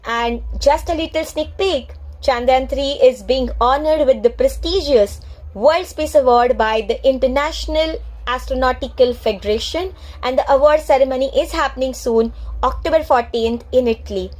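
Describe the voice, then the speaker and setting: A woman's voice: high-pitched, normal speed, a little mellow, rough recording. A young woman with an Indian accent tells a space story in a vlog, earnest and heartfelt. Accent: Indian English.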